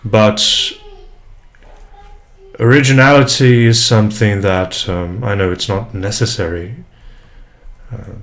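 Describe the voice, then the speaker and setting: Speaking into an unprocessed USB desk mic at home, a young man from Brazil with Portuguese as his first language gives a casual introduction to his first vlog as an English tutor. He sounds very low and steady, halting and thoughtful, with frequent fillers and restarts.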